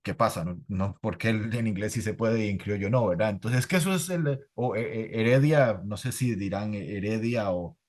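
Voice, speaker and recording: A man's voice: lowish voice, moderate pace, hardly any pauses, a little mellow. A man explaining language points in an academic online talk, often adding "¿verdad?". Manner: explanatory, many "¿verdad?" tags. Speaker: presenter on the creole translation.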